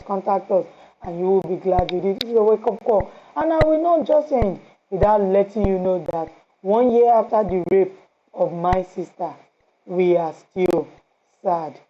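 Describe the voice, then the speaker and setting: A woman with a Nigerian accent giving an impassioned, pleading radio address with many repeated phrases. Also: medium pitch. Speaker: radio host. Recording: slightly dull audio with faint noise.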